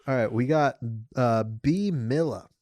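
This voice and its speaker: A man's voice: medium pitch, measured pace, darkish tone, dry recording. A young man co-hosting a podcast in casual chat, joking, laughing often and swearing freely. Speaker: podcast co-host. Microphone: podcast studio mic.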